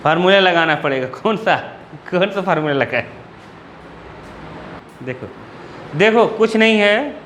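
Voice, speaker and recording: Teaching physics to a class, a man with an Uttar Pradesh Hindi accent checks again and again that the students are following. He speaks high and a bit bright, with lively intonation, a measured pace and long pauses, and there's a little hiss or hum.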